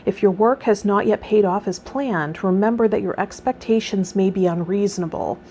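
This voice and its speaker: Speaking as a tarot reader and spiritual coach, a woman shifts between reading aloud and casual guided talk to her viewers in a tarot lesson with guided meditation and vlog chat. Her mid-range voice is mellow at a normal speed, with a little hiss or hum.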